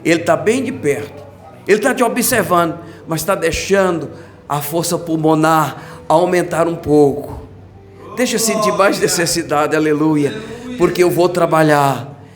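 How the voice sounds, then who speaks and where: A man with a Brazilian accent, preaching a fervent church sermon with many hallelujahs and bursts of shouting. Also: a little high. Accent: Brazilian Portuguese. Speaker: pastor.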